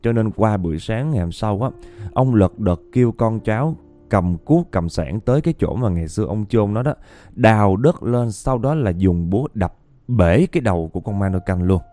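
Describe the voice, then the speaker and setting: Low, mellow man. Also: animated, moderate pace, no room sound, soft background music. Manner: chatty, keeps addressing listeners. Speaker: storyteller. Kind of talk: narrating ghost stories.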